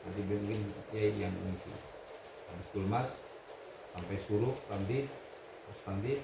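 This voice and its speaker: A man leading a religious lesson for students, reading Arabic text, explaining it and quizzing his class in a lively way. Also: fairly low pitch, moderate pace, gravelly. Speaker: pesantren leader teaching students. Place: hall at a pesantren. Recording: echoey room with background noise.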